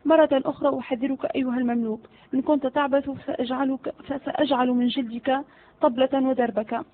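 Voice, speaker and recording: A short-tempered, menacing vizier, as a woman reads him in a spoken storybook. The voice sits high, and the sound is thin and narrow, as if over a phone line. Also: fairly even intonation, fast. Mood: impatient. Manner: impatient, menacing. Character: irritable threatening male vizier, older.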